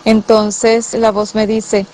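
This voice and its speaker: A woman giving a personal testimony of a vision, halting with many fillers and restarts, and voicing the dialogue with feeling. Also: medium pitch, flat delivery, a little mellow, a little hiss or hum, poor audio. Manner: quotes dialogue with emotion. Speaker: church member telling a vision.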